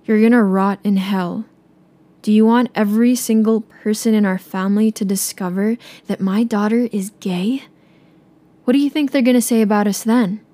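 Woman doing a strict, angry mother, storytelling, flat pitch, mellow tone. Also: moderate pace, close to an everyday voice. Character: angry strict mother, middle-aged, harsh.

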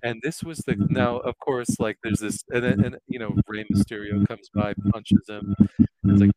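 A man's voice: fairly low pitch, steady tone, moderate pace, warm tone, rough recording. Chatty, joking male podcast co-host. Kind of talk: casual chat.

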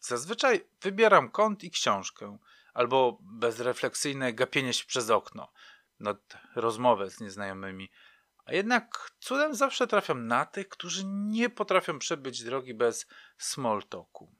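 A man's voice: medium pitch, very animated, measured pace, a bit bright, dry recording, clean studio sound. A man reading a novel aloud in a reflective, wry storytelling manner. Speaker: narrator. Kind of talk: audiobook narration.

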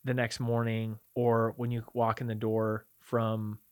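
A man's voice: lowish voice, monotone, a little slow, clear, resonant tone, dry recording. Reflective man talking in a dry room. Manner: rambling, self-correcting, reflective. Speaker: podcast co-host. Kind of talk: casual faith discussion.

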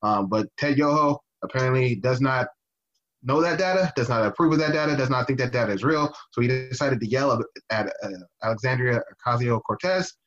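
A man talks casually on a podcast, rambling and swearing through a political rant, full of "uh"s and restarts. His pitch sits mid-range and the sound is a little muffled. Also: brisk, a bit bright. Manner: rambling, profane, with frequent fillers and restarts. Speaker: podcast co-host.

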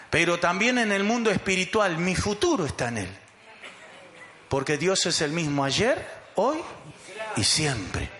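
A man's voice: sits high, pushed and bright, echoey room, slight background noise. A man preaching a sermon as pastor, emphatic and calling the congregation to repeat after him.

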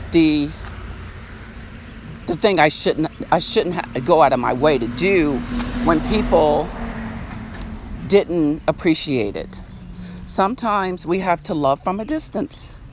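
Male podcast host, slightly high voice, reflective and repetitive delivery, recorded outside with faint street noise. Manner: reflective, repeats phrases, laughs often. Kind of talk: casual unedited podcast monologue. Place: outdoors by a street. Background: traffic and street noise.

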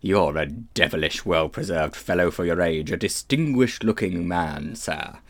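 A man voicing a vain, pompous old male magician with a wheedling, old-fashioned gentleman's manner. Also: sits low, moderate pace, voice pushed down, close to an everyday voice. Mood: self-admiring. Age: older.

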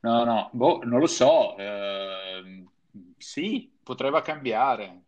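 A man's voice: medium pitch, lively intonation, extremely slow, a little mellow, highs cut off. A man chatting casually and jokingly as a panelist in a football discussion. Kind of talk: casual, bantering chat.

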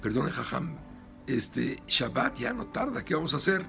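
Un hombre con acento mexicano que interpreta a un joven alumno preocupado que pregunta con ansiedad. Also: male voice, mid-range voice, sing-song, moderate pace, creaky, music in the background. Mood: worried. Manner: anxious, pleading. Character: worried young male student.

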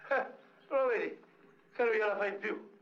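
A man's voice: high voice, normal speed. An actor playing a weary male police sergeant who bickers with a crook, exasperated, in a dubbed film comedy. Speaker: police officer. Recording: lo-fi old film soundtrack.

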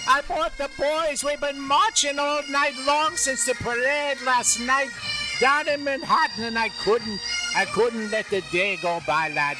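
A man's voice: high voice, voice pushed up. A man voicing a boisterous old Irish bagpiper who calls everyone lad and lass. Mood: jolly. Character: jolly old Irish bagpiper man leading a marching band. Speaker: comic character on a radio show.

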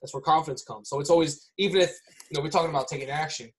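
A man's voice: on the high side, very fast, a little hiss or hum. A man talking casually on a podcast, rambling with many restarts and often ending lines with "right?".

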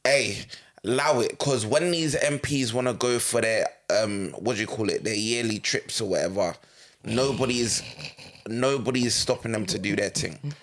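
A man's voice: medium pitch, moderate pace, fairly bright tone. A young man with a London roadman accent, chatting casually in heavy street slang and repeating himself for emphasis.

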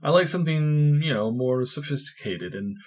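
A man's voice: a little high, lively intonation, normal speed, darkish tone. A man co-hosting a podcast in casual chat, playful and rambling, with many fillers. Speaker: podcast co-host.

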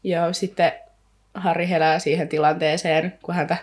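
A woman co-hosting a podcast in a relaxed, chatty way, speaking. She retells the plot in loose, rambling sentences full of fillers and now and then reads a passage aloud from the book. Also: on the low side. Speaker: podcast co-host. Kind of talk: casual book discussion with read-aloud passages.

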